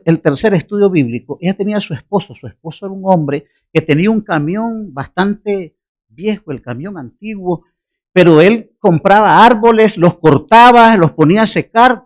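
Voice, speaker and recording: A man preaching a sermon, telling a personal story with lively storytelling and laughing at himself. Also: high voice. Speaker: pastor.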